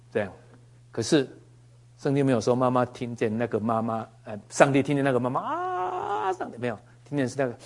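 Man, conversational Bible teaching, joking asides, folksy preacher, mid-pitched voice.

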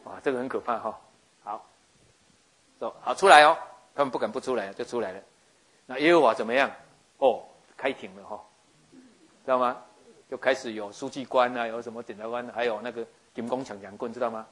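A man giving a lively sermon, acting out scenes and often checking that his listeners follow. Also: medium pitch, a little fast. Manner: animated, acts out scenes, keeps asking listeners if they follow. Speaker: preacher.

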